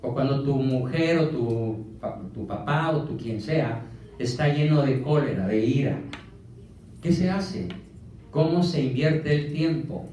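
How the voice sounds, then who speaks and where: Captured by a distant mic in an echoey room, a Mexican-accented man delivers a motivational lecture, emphatically throwing rhetorical questions at the audience. His voice is on the high side with a darkish tone, and there is slight background noise.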